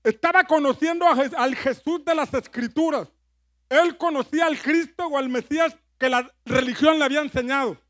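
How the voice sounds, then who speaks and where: A man's voice: very high-pitched, normal speed, fairly bright tone. A man preaching a sermon with fervor, repeating his phrases and calling on the congregation to answer back. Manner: fervent, repeats phrases, leads congregation call-and-response.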